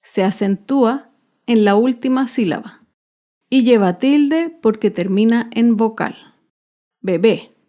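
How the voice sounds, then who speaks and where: A woman teaching a basic grammar lesson, narrating slowly and carefully and stressing each syllable. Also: a little high, mellow. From Chile. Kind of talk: slow, clearly spelled-out grammar lesson narration.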